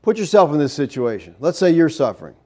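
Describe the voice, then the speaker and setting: A man preaching a sermon, arguing point by point in an animated, incredulous way and pressing rhetorical questions. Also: fairly high pitch, fast talker.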